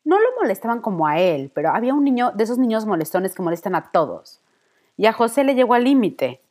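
Mother chatting, mid-pitched. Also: big pitch swings, fast talker, a little mellow. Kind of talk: casual chat.

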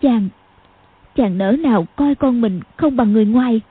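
Woman as a faint dying wife, breathy, high, phone-like sound. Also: moderate pace. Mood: reproachful. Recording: muffled phone-like audio.

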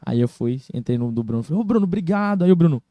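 Brief: guest storyteller, high voice, dry close sound, animated and quick. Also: male voice, dry recording. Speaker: podcast guest, singer. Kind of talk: casual storytelling chat.

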